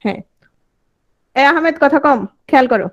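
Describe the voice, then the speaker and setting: A woman's voice: high voice, expressive, moderate pace, dull audio. A woman teaching a class, sounding out vowels and quizzing her students. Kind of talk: online class lecture.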